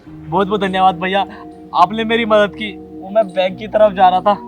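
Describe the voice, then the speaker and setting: A man plays a stranger who keeps thanking his helper. His voice is fairly high and full of earnest gratitude. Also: steady tone, normal speed, faint music behind, close to an everyday voice. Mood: grateful. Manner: grateful and earnest. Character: grateful man who fell in the street.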